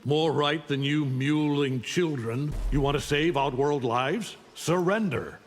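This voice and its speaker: A man's voice: a little high, a little slow. Omni-Man, coldly commanding in long reverb. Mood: contemptuous threat. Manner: cold, commanding, contemptuous. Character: arrogant, menacing alien superpowered conqueror, mature male warrior. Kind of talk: video game fight intro acting.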